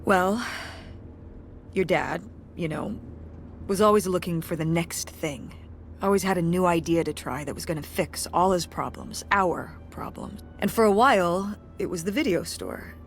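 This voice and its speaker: Here the same kind of role comes through: a tired, wry middle-aged mother in charge of a community theater, joking at her own expense in naturalistic game dialogue. The woman's voice sits on the low side and runs a little slow, with slight background noise, in a reflective mood.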